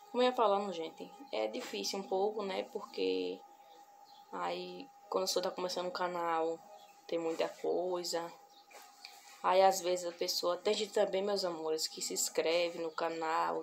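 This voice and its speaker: A young woman vlogging from a couch at home, speaking softly, pausing often and repeating herself as she talks to her viewers. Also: lowish voice, vocal fry. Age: young adult. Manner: soft-spoken, repeats herself, pauses to collect thoughts. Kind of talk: casual heartfelt vlog talk. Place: small home room, on a couch. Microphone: phone camera at arm's length. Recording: noisy home phone recording.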